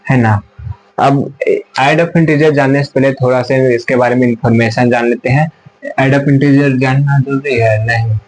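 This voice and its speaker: A man's voice: mid-range voice, darkish tone, low-quality recording. A man teaching a math class at a whiteboard, repeating his points and asking and answering his own questions, sometimes turning away from the camera.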